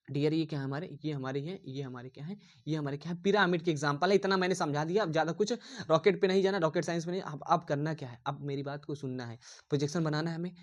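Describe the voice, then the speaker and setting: A man's voice: fairly high pitch, muffled recording. A man giving a casual online engineering drawing lesson, repeating himself often and calling viewers dear. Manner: repetitive, rambling, addresses viewers as dear.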